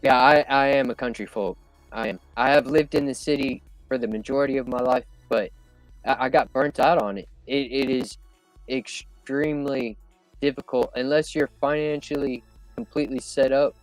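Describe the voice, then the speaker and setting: A man of middling pitch talks casually as a guest on a stream. He is hesitant and reflective, recorded dry with music behind him. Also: steady tone, moderate pace, no echo, rough recording. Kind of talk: casual chat.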